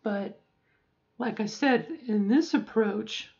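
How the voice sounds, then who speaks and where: A woman's voice: medium pitch, slow pace, darkish tone. Woman in her 40s, chatty and rambly, giving advice to camera, kinda dull lo-fi sound. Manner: rambling, self-correcting, chatty. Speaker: vlogger. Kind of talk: casual advice monologue.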